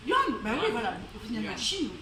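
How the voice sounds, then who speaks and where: A storyteller with a Réunion accent, her voice a little high with huge pitch swings and a slightly fast pace, recounts a folk tale live at a storytelling evening in a venue, a crowd audible in the background. She's chatty, throws asides to the audience, and laughs often, recorded in a roomy, distant way with faint noise.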